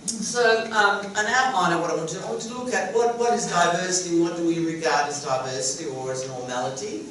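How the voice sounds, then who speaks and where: A middle-aged educator from Sicily, Italy, whose first language is Sicilian, gives a chatty, wry conference presentation and laughs at her own jokes. Her fairly low voice is a little fast and fairly bright. The mic is distant, so the conference room echoes heavily, with a faint hum.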